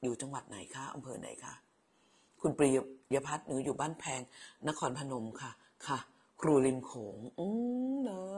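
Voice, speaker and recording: ผู้หญิงวัยกลางคน อดีตครู คุยไลฟ์สดอ่านคอมเมนต์ผู้ชม พูดแบบแม่ๆ ชอบแซว พูดซ้ำคำ. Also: female voice, very deep voice, slightly rough. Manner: chatty, motherly, teasing, repeats words. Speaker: livestream host, former teacher. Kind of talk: casual live chat reading viewer comments.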